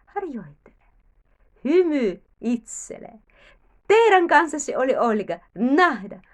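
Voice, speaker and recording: High-voiced woman teaching children's ballet. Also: sing-song. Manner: slow, instructive, counting steps aloud; encouraging, repeats affirmations.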